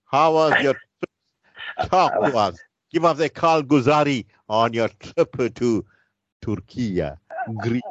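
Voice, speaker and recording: A man with a South African Indian accent from Durban hosts a radio talk in a halting, rhetorical, conversational way. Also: mid-range voice. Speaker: radio talk show host. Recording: dull, roomy radio sound.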